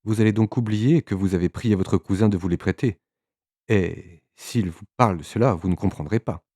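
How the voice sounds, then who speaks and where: A man voicing a calm, assured doctor who gives firm hypnotic commands. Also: fairly low pitch, moderate pace, no echo, studio quality, close to an everyday voice. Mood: commanding. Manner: commanding, composed.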